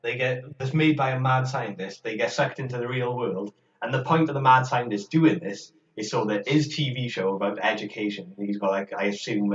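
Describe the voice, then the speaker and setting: Man rambling on a roomy lo-fi podcast. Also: lowish voice. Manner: rambling, hesitant, laughs often. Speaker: podcast co-host. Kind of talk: casual chat. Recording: roomy, distant, dull lo-fi sound.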